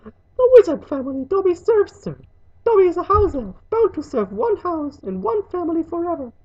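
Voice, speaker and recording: A woman voicing an earnest, servile male house elf in a storybook reading, excitable and prone to tears, with a shrill voice. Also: normal speed, muffled recording. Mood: anxious, submissive. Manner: speaks of self in third person, deferential.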